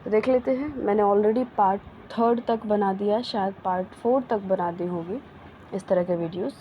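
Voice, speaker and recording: A woman with an Indian accent teaching spoken English in a casual lesson, mixing chatty asides with slowly drawn-out example sentences. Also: medium pitch, lo-fi sound, slight background noise.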